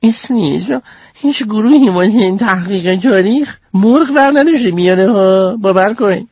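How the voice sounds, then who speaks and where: A man's voice: high voice, darkish tone, highs cut off, pitched above the performer's own voice. A man voicing a sarcastic young schoolgirl who mocks her friend in a story. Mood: mocking. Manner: mocking, exasperated.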